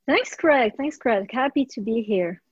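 Woman guest from Morocco, mid pitch, dry muffled sound, halting and filler-heavy. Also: animated, slightly rough, no room sound. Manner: halting, many fillers and repeats. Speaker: guest, startup founder. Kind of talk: interview conversation.

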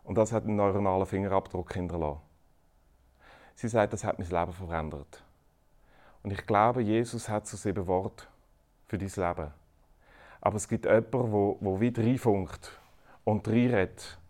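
Animated man preaching. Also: on the low side, moderate pace, pauses often. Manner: lively, swings between loud emphasis and quiet earnest asides. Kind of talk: sermon.

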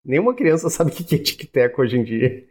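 Sex: man. Role: co-host. Style: casual chat. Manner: relaxed, reactive, asks short questions. Pitch: middle of the range. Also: normal speed. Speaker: podcast co-host.

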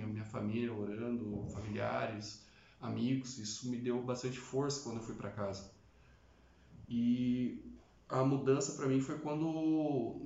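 A young man telling his personal testimony in a halting, earnest way, with many restarts. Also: medium pitch, a little mellow, echoey room, lo-fi sound. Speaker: testimony giver.

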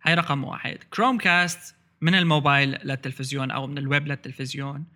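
Levantine arabic guy hosting a tech podcast, really bright forceful voice, talks fast, drops english words in. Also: medium pitch, steady tone. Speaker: podcast host. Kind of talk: casual tech podcast discussion.

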